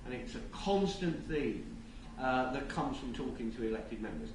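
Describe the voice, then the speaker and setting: Male conference speaker, rushed and stammering lightning talk with dry asides; distant mic, clearly noisy room. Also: mid-range voice, very animated, very echoey. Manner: halting, with stammered word repeats. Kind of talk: live public presentation with wry asides. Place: indoor event room with an audience.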